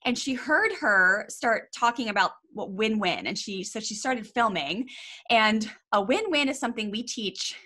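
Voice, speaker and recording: A woman's voice: fairly high pitch, animated, moderate pace, pushed and bright. A woman family life coach speaking in an interview, enthusiastic and telling long flowing stories. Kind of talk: interview conversation.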